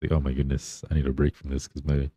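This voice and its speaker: Male livestreamer, extremely low and mellow, slightly husky, rambling laid-back chat in a dry-sounding space. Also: little pitch movement, fast, dry recording. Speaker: live streamer.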